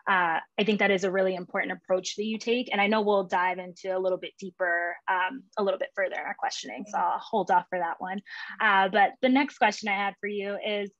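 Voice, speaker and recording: A woman's voice: mid-range voice, steady tone, a little fast, a bit bright, no echo. A woman moderating a professional interview, reading prepared introductions in a polished way with the odd filler, over a video call. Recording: dull, dry lo-fi audio.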